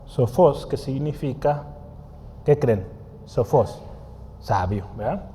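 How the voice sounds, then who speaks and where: A man preaches in a mellow, somewhat high voice, teaching in a conversational way and putting questions to the congregation. He pauses now and then to write on a board. His voice carries through a church hall with a long reverb. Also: animated, a little hiss or hum. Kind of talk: teaching sermon.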